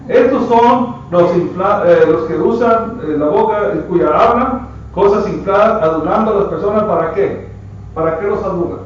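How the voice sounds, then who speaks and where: A man's voice: sits high, normal speed, slight background noise. A man preaching a sermon with emphatic delivery, often addressing listeners as brother. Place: church. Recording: echoey church from far off, muffled.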